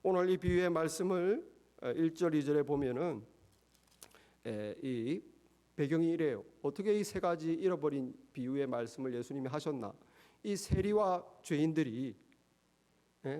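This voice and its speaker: A man preaching a sermon as pastor, emphatic and full of rhetorical questions, swinging between raised passages and quiet low asides.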